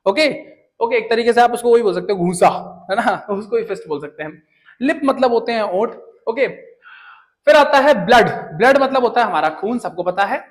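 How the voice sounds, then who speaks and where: Young guy teacher, fairly high voice, jokey and chatty, quizzes then answers himself. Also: expressive, moderate pace. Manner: chatty, jokey, asks and answers his own questions. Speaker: English teacher. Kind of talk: casual Hindi spoken-English lesson.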